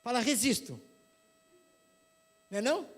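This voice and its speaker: A middle-aged man with a São Paulo accent preaching a sermon, telling lively stories and acting out other people's voices. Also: very high-pitched, moderate pace. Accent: paulista. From São Paulo, Brazil. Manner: animated storytelling, acts out voices.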